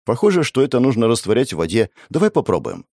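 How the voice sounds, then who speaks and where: A man voicing a cheerful, insistent young woman sniper with a sweet tooth in an audiobook, bubbly and squeaky when she pleads. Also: wildly swooping pitch, fast, darkish tone, husky, no echo, clean studio sound, heavily acted. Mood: eager. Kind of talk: audiobook character voice.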